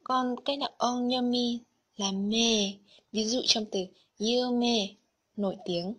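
Slow, breathy woman teaching Japanese vocabulary. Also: a little high, fairly even intonation, fairly bright tone. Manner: slow, careful explanation of vocabulary and kanji. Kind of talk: scripted lesson narration.

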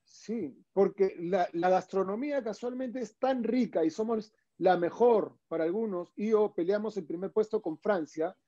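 Peruvian male guest, higher-pitched and dark-toned, acts out quotes in a casual chat. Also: normal speed, hardly any pauses, lo-fi sound. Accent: Peruvian Spanish. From Peru. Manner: animated storyteller, acts out quoted dialogue.

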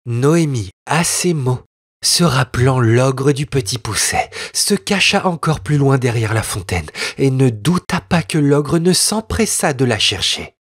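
A man narrating an old children's tale in an expressive, lilting reading voice with a husky tone. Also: mid-range voice, unhurried, dry recording, studio quality. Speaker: audiobook reader. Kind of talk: scripted storybook narration.

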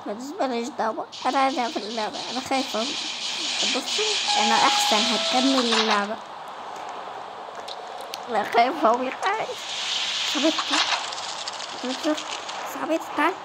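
A woman with an Egyptian Arabic accent giving let's play commentary, excitable and crying out again and again that she is scared. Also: on the high side, fast talker, long pauses, heavy background noise. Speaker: gamer. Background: loud game music.

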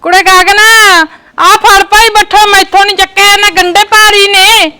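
An actress playing a sharp-tongued, nagging village mother with a Punjabi accent. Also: very high-pitched, flat delivery, normal speed. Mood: scolding. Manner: scolding, nagging. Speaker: mother and sister-in-law.

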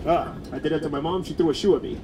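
New busker over train noise. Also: male voice, rapid-fire. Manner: loud showman pitch to passengers. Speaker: street beatbox performer. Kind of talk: busking show patter. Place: moving subway car. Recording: loud subway train noise.

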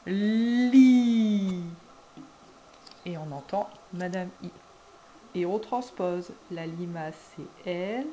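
A woman preschool teacher guiding parents through a syllable dictation, speaking slowly and deliberately and drawing out each syllable. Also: lowish voice, dark tone, muffled recording, a little hiss or hum. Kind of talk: instructional video for parents.

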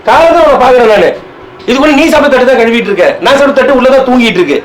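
A man's voice: very high-pitched, animated, very fast, reverberant, slight background noise, rough recording. A man needling his wife in a domestic prank skit, teasing and argumentative. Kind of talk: bickering couple prank. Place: home kitchen.

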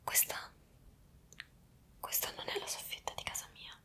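Close to the mic, a young adult woman whispers through an ASMR roleplay as a bewildered young woman who has been magically taken to the past, hesitant and filled with wonder. She speaks at a moderate pace, her voice pushed and bright, lightly acted.

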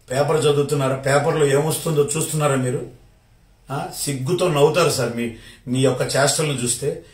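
A party supporter from Kadapa district in Rayalaseema, India, speaking with a Rayalaseema Telugu accent, launches a confrontational political rant, hurling sarcastic rhetorical questions at a minister. His voice is on the high side, recorded from a distance in an echoey room.

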